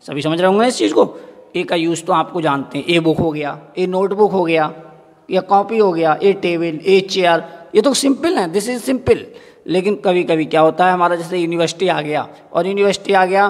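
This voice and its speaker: A male school teacher with a high voice gives a grammar lesson in an echoing room, posing questions to the class and answering them himself while repeating each example word slowly.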